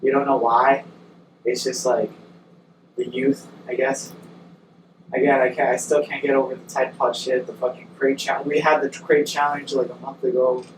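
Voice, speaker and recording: A man's voice: medium pitch, level tone, moderate pace. A man chatting casually with slang and swearing while suffering from the burn of very spicy food. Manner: suffering from eating a very hot spicy chip, watery eyes and burning stomach. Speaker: podcast co-host. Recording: distant mic, echoey noisy room.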